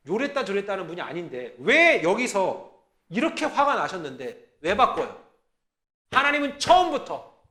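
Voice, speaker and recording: Animated preaching man, bright, in an echoing hall. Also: high voice. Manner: animated, conversational preaching with acted-out quotes. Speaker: pastor. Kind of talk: sermon. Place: church sanctuary.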